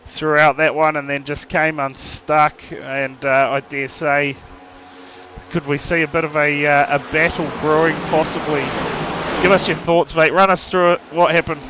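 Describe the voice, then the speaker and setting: A man's voice: fairly high pitch, level tone, normal speed. A man with a broad New Zealand accent giving casual, matey, slangy live motor racing commentary. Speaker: race commentator. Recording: loud engine noise throughout. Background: race car engines.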